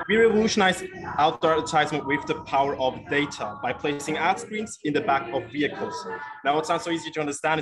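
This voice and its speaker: A man giving a startup pitch presentation as a founder, speaking from an airport terminal with noise behind him. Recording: noisy airport terminal background.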